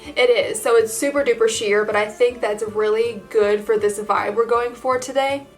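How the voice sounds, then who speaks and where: Bubbly female vlogger with a higher-pitched voice. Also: fairly even intonation, moderate pace, soft background music. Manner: bubbly, gushing, informal with frequent intensifiers. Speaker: vlogger, makeup tutorial host. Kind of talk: casual chatty vlog tutorial addressed to viewers.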